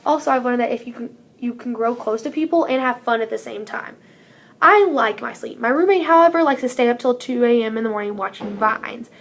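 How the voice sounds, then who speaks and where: A woman's voice: on the high side, a little fast. A teenage girl gives an earnest, upbeat prepared speech as a student speaker, reading from a script. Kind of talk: prepared speech read aloud.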